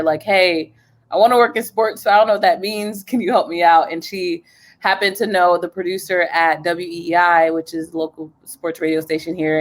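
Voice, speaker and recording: Upbeat young woman from New Jersey. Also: lowish voice. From New Jersey, USA. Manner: upbeat, chatty, laughs often. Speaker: guest, news journalist. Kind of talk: casual interview over video call.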